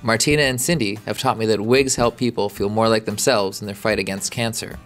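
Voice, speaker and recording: A man reporter reading a scripted voice-over in a calm, reflective way. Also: lowish voice, fairly quick, faint music behind. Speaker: reporter narrating his story.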